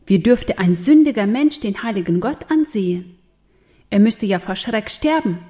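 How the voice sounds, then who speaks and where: A woman reading a Bible story aloud for young children, in an earnest, gentle storytelling manner with questions to her listeners. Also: mid-range voice, lively intonation, normal speed.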